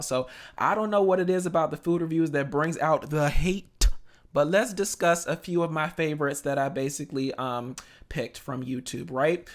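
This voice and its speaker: A man in his thirties with a naturally high voice, hosting his own casual podcast in an animated, sassy way. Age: 30s. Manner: animated, sassy, with playful exclamations. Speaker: podcast host.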